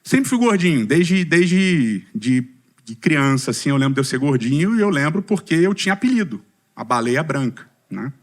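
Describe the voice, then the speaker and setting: A middle-aged Brazilian man with a Brazilian Portuguese accent gives a humorous personal testimony to a church community at a fairly high pitch and normal speed. His storytelling is lively and self-deprecating, and he pokes fun at himself while asking the audience questions.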